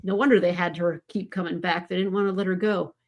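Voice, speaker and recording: A woman's voice: lowish voice, steady tone, fast talker. Chatty woman guest on a podcast. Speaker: guest, comics creative consultant. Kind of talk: casual podcast chat.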